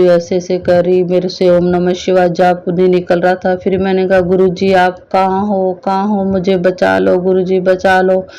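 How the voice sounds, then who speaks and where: Woman, middle-aged, devotional testimony, earnest and halting, flat even pitch, dull lo-fi audio.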